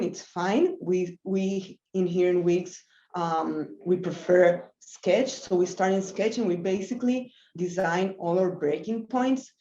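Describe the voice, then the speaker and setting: Over a video call from a small office, a Venezuelan web designer in her thirties walks through a live screen-share tutorial. Her medium-pitched delivery is easygoing and unhurried, sprinkled with fillers, ums, and self-corrections. The laptop webcam mic makes the sound roomy, dull, and lo-fi.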